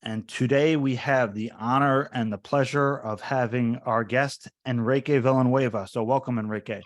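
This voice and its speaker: A man's voice: medium pitch, fairly even intonation, normal speed. Casual male podcast host. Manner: friendly, loose, restarts and fillers. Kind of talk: casual interview.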